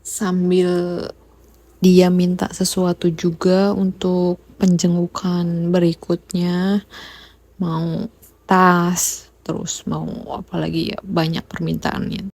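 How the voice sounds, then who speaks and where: A young woman from Indonesia narrating a casual vlog, soft-spoken and given to small laughs. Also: on the low side, monotone, slow, no room sound. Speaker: vlogger.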